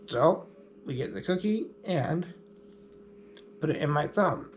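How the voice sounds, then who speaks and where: A man's voice: on the high side, animated, slow pace, muffled recording, slight background noise. A man talking through a casual explanatory vlog in an easygoing, plainspoken way with light humor. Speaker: vlogger.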